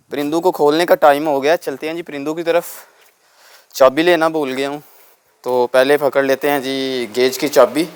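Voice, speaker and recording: Chatty man vlogging among his birds. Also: on the high side. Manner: chatty, addresses viewers as friends, coaxes his birds. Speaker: bird-keeping vlogger. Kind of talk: casual vlog chat. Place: at home, among bird cages.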